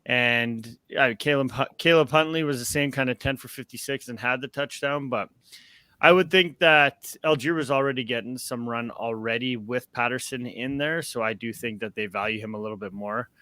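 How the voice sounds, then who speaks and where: A man's voice: mid-range voice, normal speed, pushed and bright, no room sound. A young man hosting a casual sports podcast, upbeat and rambling with plenty of fillers. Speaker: podcast host.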